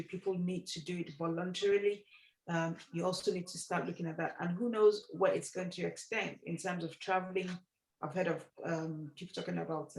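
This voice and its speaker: Hesitant woman with gravelly voice. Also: lowish voice, reverberant, low-quality recording. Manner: hesitant, many fillers, pleading.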